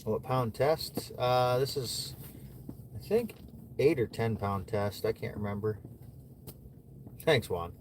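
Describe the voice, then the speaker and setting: A man's voice: mid-range voice, slow, long pauses. A man from the American Midwest livestreaming while ice fishing, chatting easily with viewers and chuckling often. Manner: laid-back, chuckles often, answers chat between fishing. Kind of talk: casual livestream chat reading viewer comments. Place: ice fishing shelter outdoors in winter. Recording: noisy outdoor ambience.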